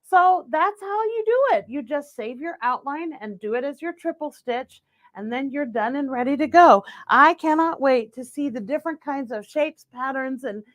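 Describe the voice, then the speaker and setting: Upbeat female sewing instructor, high-pitched, dry close recording. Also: normal speed, dry recording. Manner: upbeat, chatty. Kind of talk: how-to demonstration. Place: sewing store studio.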